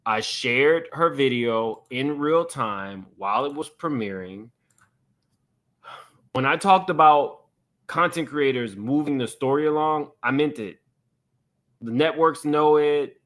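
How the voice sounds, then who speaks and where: A man's voice: medium pitch, takes it slowly, fairly bright tone. Blunt man giving casual commentary. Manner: blunt, unapologetic, conversational. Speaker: host of a commentary channel.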